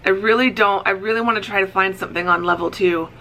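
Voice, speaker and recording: Chatty woman vlogger with a gravelly, bright voice. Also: mid-range voice, fairly even intonation, fast, slight background noise. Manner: chatty, upbeat, rambling with fillers. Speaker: author and college writing teacher vlogger. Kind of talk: casual vlog chat to camera.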